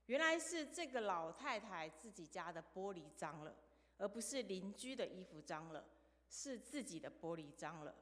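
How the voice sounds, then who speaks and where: A woman's voice: medium pitch, sing-song, normal speed, a bit bright. Woman preacher, storytelling sermon style, recorded in a reverberant church hall. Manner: storytelling, asks the congregation questions. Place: church sanctuary.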